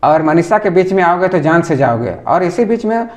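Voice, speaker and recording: A man's voice: high voice, sing-song, moderate pace, dull audio. A man earnestly recounting his complaint to a reporter in a news office, calling him sir and stumbling over his words now and then. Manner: earnest, respectful, addresses interviewer as sir. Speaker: complainant telling his story.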